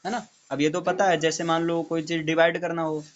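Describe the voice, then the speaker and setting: A man's voice: fairly high pitch, flat delivery, fairly quick, muffled recording. A male tutor teaching maths to a student, explaining step by step and checking in often. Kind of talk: classroom maths lesson.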